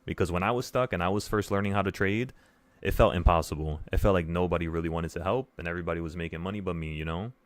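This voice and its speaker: A man in his twenties hosts a livestream, teaching options trading and talking casually to viewers. His deep voice moves fast, earnest and rambling, repeating phrases for emphasis, and the recording is dry.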